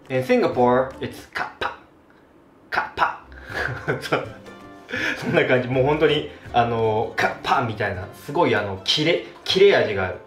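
A man from Japan chats casually to camera as a vlogger, his voice lively and swinging in pitch as he acts out pronunciations with frequent chuckles. The room gives his voice a clear echo, with faint music playing underneath. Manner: animated, demonstrates pronunciations, chuckles often.

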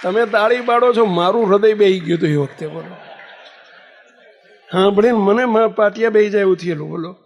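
Guy preaching, tells stories and acts out the lines, pretty high voice, echoey hall. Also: fairly quick, dull audio, a little hiss or hum. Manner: animated storyteller acting out dialogue. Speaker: swami giving a religious discourse. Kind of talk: sermon with storytelling. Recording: long hall reverb.

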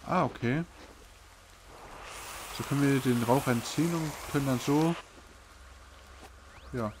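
A man's voice: medium pitch, unhurried, noisy background. A man giving casual gameplay commentary, thinking aloud in an easygoing way as he plays. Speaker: gamer, let's player. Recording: game sounds clearly behind the voice. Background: video game effects and ambience.

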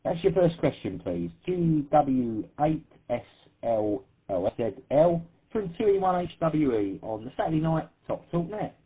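A man's voice: fairly high pitch, very animated, a little slow, slightly rough. Chatty Essex man on a tinny radio net. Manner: chatty, self-deprecating, laughs easily. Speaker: net control host. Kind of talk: amateur radio net chat. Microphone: radio transceiver.

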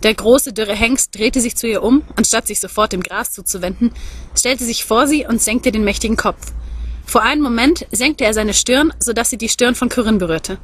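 A woman reading a novel aloud in measured, expressive narration. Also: fairly high pitch, slightly rough. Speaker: audiobook reader.

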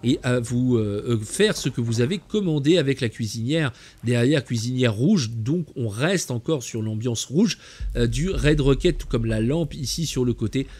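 A man's voice: medium pitch, lively intonation, normal speed, darkish tone, breathy edge, soft background music. A man hosting a gameplay tour, chatting in a jokey, enthusiastic way. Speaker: game channel host. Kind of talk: playful gameplay tour commentary.

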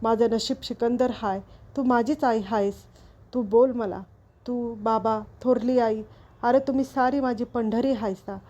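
A woman's voice: fairly high pitch, fairly even intonation, a little slow, warm tone, lo-fi sound. A woman reading a novel aloud, voicing a bold, defiant young village man who speaks in a plain rural dialect.

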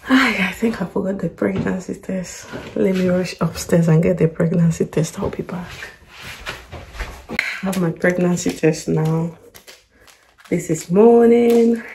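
A woman's voice: lowish voice, steady tone, normal speed, vocal fry, a little mellow, slight background noise. A young woman just out of bed with a morning voice, talking candidly to her camera at home in a worried but hopeful way. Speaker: vlogger. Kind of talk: casual vlog to camera.

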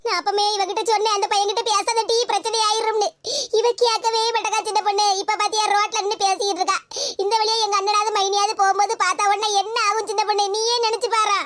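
A woman's voice: very high voice, level tone, fast, fairly bright tone. A woman voicing an aggrieved, self-pitying middle-aged woman with a Tirunelveli Tamil accent, complaining plaintively.

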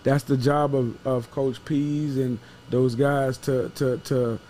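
A sports show co-host and analyst talks through a football game in casual postgame chat, emphatic, repeating himself and swearing now and then. His voice is warm and medium-pitched with little pitch movement, and he takes it slowly. He's in a small wood-paneled studio room on a podcast mic with a headset, with a little hiss or hum.

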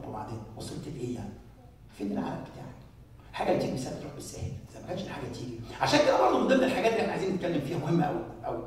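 Egyptian priest, rapid animated sermon, lively pitch, distant mic in a very echoey church with faint room noise. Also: male voice. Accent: Egyptian Arabic. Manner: animated storytelling, rhetorical questions.

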